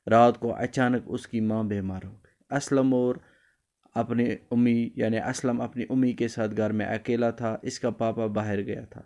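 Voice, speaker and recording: A man teaches a story lesson to young children. He speaks in a flat, level pitch with a clear, smooth tone. He repeats phrases and explains each new word carefully. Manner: explains word meanings, switches briefly into Kashmiri; addresses children fondly, repeats lines.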